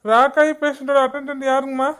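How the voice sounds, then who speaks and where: A voice actor doing a flat, matter-of-fact doctor. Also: high voice, fast talker. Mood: stern. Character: calm hospital doctor.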